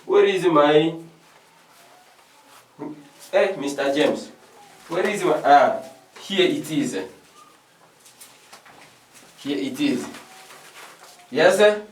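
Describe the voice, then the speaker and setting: Man, English teacher at a board, high voice, unhurried, repeats phrases; echoey room, distant mic. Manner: repeats phrases slowly, switches between French and English. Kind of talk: classroom lesson at a board. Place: classroom with a board.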